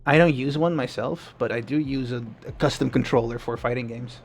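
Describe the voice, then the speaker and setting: A man's voice: mid-range voice, fairly quick, creaky, slight background noise. A young man streaming a game, chatting casually and rambling through answers to viewers' questions.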